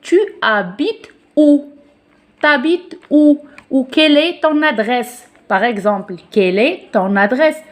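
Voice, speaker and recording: A Moroccan woman teaching a beginners' French lesson, a native Arabic speaker with a Moroccan accent, patiently repeating examples and often checking for understanding. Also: medium pitch.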